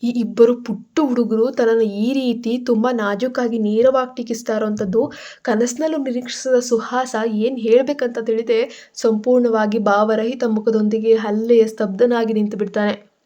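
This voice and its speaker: A woman narrating a scripted story with a steady, expressive reading. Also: fairly high pitch, normal speed, muffled recording.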